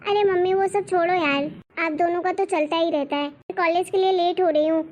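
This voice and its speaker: A woman's voice: very high voice, fairly even intonation, brisk, darkish tone, a little hiss or hum. Spoiled cartoon college girl. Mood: demanding. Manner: whiny and demanding. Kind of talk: cartoon voice acting.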